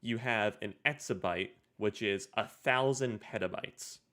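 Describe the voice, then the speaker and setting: A man's voice: on the low side, unhurried, a bit bright. A young man co-hosting a casual tech podcast, explaining things step by step and checking in with his co-host.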